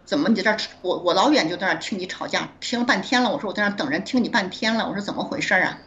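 Woman doctor, interview guest; fast, animated storyteller, laughs a lot, dull lo-fi audio. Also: medium pitch. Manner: laughs often, acts out dialogue with quick restarts.

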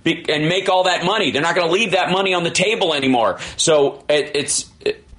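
A man's voice: a little high, fairly quick, a bit bright. A middle-aged man hosting a radio show, riffing on politics in an emphatic, jokey, casual way.

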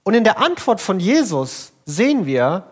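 A male preacher delivers a sermon as a lively story. His voice sits fairly high, and he often turns to address the listener personally. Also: a little slow, husky.

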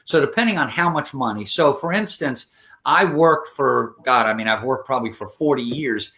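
In a conversational interview, a man in his fifties answers as the guest, earnest in manner and prone to fillers and restarts. His voice is mid-range and fairly bright, with lively intonation at a normal speed.

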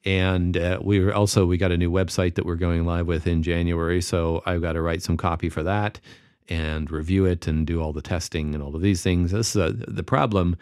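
Deep-voiced man in tired casual chat. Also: fairly even intonation, fairly quick, a little mellow, smooth, no echo, studio quality. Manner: rambling with many fillers. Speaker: podcast co-host.

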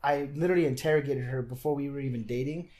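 A man's voice: mid-range voice, quick pace, darkish tone. A young man, a podcast guest, earnestly telling a personal faith story in casual conversation, often restarting his sentences.

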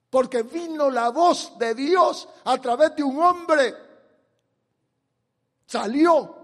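A man preaching a sermon, swinging from quiet asides to loud, forceful declarations. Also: very high-pitched, long reverb tail. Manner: dramatic swings from soft to shouted.

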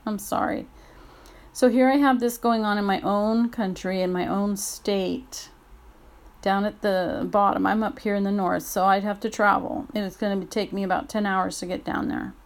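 A woman ranting late at night in a blunt, angry voice. She talks at a middling pitch and swears freely. She swings between low, tired stretches and loud, heated outbursts. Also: steady tone, moderate pace. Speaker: audio blogger. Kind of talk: late-night personal rant.

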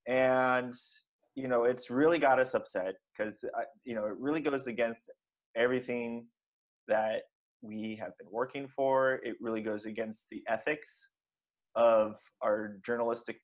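A man's voice: mid-range voice, steady tone, a little slow. A man co-hosting a comedy podcast, talking in a rambling, mock-serious way with lots of fillers. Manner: rambling, earnest, many fillers. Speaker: podcast co-host.

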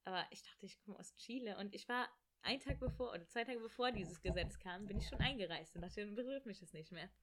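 A young woman in casual chat, telling a travel story in an animated way and acting out the voices of people in it. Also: mid-range voice. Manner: animated, rushed, acts out quoted voices. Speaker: storyteller guest.

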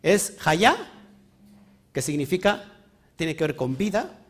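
Man, sermon, high and lively voice, asks listeners questions. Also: slow. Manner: animated, asks the congregation questions often. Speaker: preacher. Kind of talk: sermon teaching.

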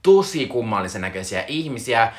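A man's voice: medium pitch, big pitch swings. A man in casual chat, musing hesitantly and restarting his words. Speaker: podcast co-host discussing a film.

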